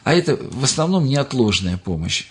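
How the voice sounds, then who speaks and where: A retired older man answers interview questions as a doctor. His voice is husky, with a middling pitch, and he rambles, stops to restart phrases and fills gaps with hesitations. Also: big pitch swings, moderate pace.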